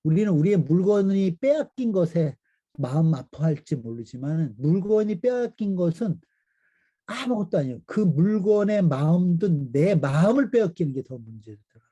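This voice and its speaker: Man, middle-aged, missionary pastor, sermon testimony, halting emotional delivery, warm dark voice. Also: high-pitched, big pitch swings, dull audio. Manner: emotional storytelling with pauses and fillers.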